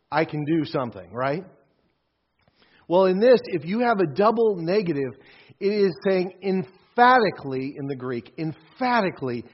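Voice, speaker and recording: A man preaching a sermon with a husky, slightly high voice, leaning hard on repeated words for emphasis. The recording sounds dull and lo-fi. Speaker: pastor.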